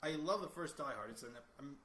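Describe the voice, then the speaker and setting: A man's voice: fairly high pitch, lively intonation, a little fast, bright, forceful tone. A man chatting casually about films on a podcast, laughing often and talking with fillers and restarts. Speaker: podcast host. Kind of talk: casual chat. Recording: roomy, faint ambient noise.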